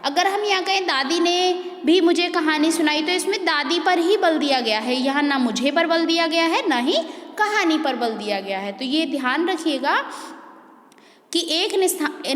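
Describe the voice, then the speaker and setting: A woman's voice: high voice, lively intonation, unhurried, a bit bright. A woman teacher giving a grammar lesson, explaining step by step and checking in with the class. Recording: echoey room with long reverb.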